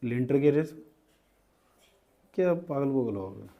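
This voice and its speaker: A man's voice: mid-range voice, lively intonation, a little slow, vocal fry, dull audio. A young male physics teacher in a classroom, urging students along, repeating phrases and calling on them by name.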